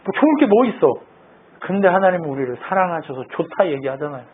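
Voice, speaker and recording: High-voiced pastor on a tinny line. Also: male voice, lively intonation, quick pace, breathy edge. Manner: conversational, quizzes the congregation, teasing and playful. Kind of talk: sermon. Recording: tinny phone-like band, faint noise.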